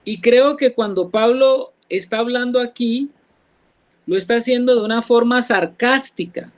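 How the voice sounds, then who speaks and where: High-voiced Colombian man teaching the Bible. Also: unhurried, poor audio. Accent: Colombian Spanish. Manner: asks the group questions and explains patiently. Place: church, class also joined online.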